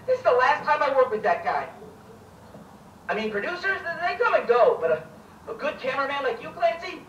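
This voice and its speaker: A cocky, cursing TV host. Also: male voice, very high-pitched, big pitch swings, fairly quick, fairly bright tone, echoey room, far from the mic, dull audio, a little hiss or hum, exaggerated voice. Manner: cocky, profane, bossy. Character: brash foul-mouthed male TV show host. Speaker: game character.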